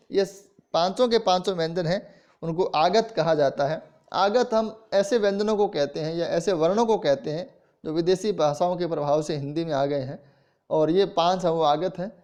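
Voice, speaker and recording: A man with a Rajasthani Hindi accent teaches a college class in a fairly high voice. He explains patiently, point by point. He says words aloud to show how they sound. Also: darkish tone. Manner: explains slowly, demonstrates pronunciation aloud. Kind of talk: classroom lecture.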